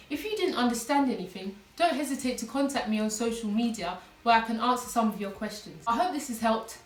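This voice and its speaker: A woman's voice: a little high, far from the mic, a little hiss or hum. A woman English teacher giving a patient, step-by-step online lesson to students. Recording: echoey room, voice a little off-mic.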